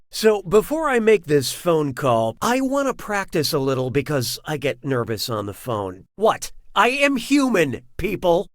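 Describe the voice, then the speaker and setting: A man playing a neurotic, lonely quiz game host, with theatrical, wry, scripted comedic delivery. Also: high-pitched. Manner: theatrical, wry, swinging between announcing and awkward asides. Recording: loud music behind the voice.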